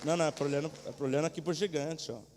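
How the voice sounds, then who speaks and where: Pastor em culto: animado, próximo da congregação, ambiente de igreja com eco longo. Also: male voice, on the high side, rapid-fire, a little hiss or hum. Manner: animated, colloquial, addresses congregation directly. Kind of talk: sermon. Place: church stage. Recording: echoey church hall.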